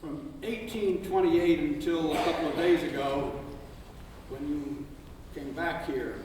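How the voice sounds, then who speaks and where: Male cross-examining lawyer, slow and wry, distant mic, roomy hall. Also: a little high, a little mellow, slight background noise. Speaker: opposing attorney. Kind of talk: cross-examination in a mock trial. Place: courtroom.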